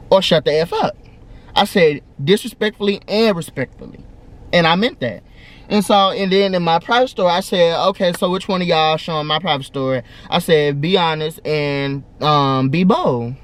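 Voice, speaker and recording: Animated young man telling a storytime. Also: on the high side. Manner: animated, chatty, addresses viewers as y'all, laughs often. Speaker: vlogger. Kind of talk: casual storytime vlog.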